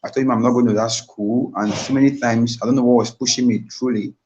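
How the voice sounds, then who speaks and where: Speaking quickly in a steady, medium-pitched, darkish voice, a young Nigerian-accented man shares his personal story on a live stream as an invited motivational speaker. He's earnest and repetitive, addressing listeners directly, while the highs are cut off and slight background noise lingers.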